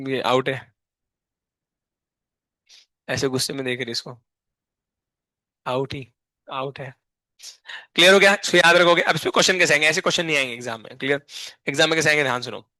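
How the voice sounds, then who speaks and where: A man's voice: medium pitch, sharp tone, no room sound. A male chemistry teacher giving a live classroom lecture in a casual, bantering way, often checking with students if they understood. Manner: bantering and teasing students between explanations; frequent check-in questions to the class.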